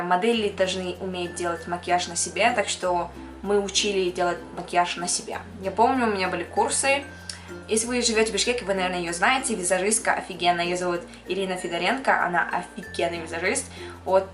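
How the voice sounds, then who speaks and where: With a mid-range, fairly bright voice in an echoey room, a young Kyrgyz woman who does makeup for a living talks casually to the camera. She responds to viewer questions, mixes in some English words, and laughs occasionally.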